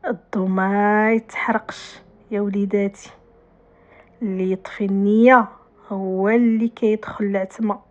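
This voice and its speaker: Serene, pious Moroccan woman of a folk tale, played by a female storyteller, kindly, mid pitch, slightly lo-fi. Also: flat delivery, moderate pace, natural voice. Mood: calm, kindly.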